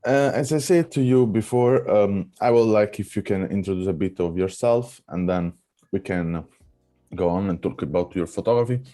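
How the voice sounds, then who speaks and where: Deep-voiced man, halting and hesitant. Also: mellow. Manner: hesitant, halting non-native English with many fillers. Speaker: podcast host. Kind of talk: casual interview.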